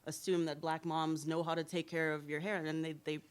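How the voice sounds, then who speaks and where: A woman in her thirties from Trinidad and Tobago talks as an interview guest at a symposium. Her voice sits a little low, and she tells her story in a lively, candid way. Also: brisk, clean tone. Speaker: hair blogger, interview guest.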